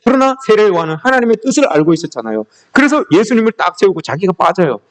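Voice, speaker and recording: A man delivering a sermon with a fairly high, lively voice that leaps up and down in pitch. He talks quickly and keeps calling out to the congregation, slipping into quick little acted-out quotes. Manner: animated, acts out quoted speech, addresses the congregation often. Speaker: pastor.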